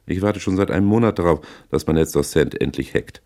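Deep, gruff and sullen, this small-time crook, voiced by a male reader, grumbles his answers from the low end of the voice. He stays shifty and defensive throughout, as in a spoken detective story. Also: a little fast, a little mellow. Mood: evasive.

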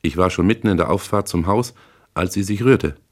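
A man narrates a first-person crime novel in a measured, dry, hard-boiled way. His voice sits very low. The reading is steady and unhurried. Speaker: audiobook narrator.

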